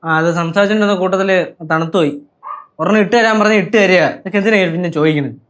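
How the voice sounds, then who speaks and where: An actor playing a boastful, stubborn young husband in a TV sitcom, argumentative in manner. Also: male voice, rapid-fire. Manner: boastful, argumentative, lively swings of pitch. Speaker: sitcom character. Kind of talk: TV sitcom acting.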